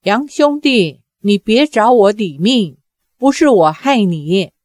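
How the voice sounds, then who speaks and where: A woman's voice: a little high, expressive, takes it slowly, a little mellow, dry recording, studio quality. A woman reading a storybook aloud and voicing a frightened, simple-minded young woman in a raised, pleading voice.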